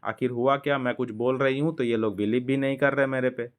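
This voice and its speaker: A man's voice: steady tone, smooth. Man teaching a story in Hindi. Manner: reads English lines slowly, then explains in Hindi; acts out the characters' lines with a raised pitch. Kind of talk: explaining a story line by line.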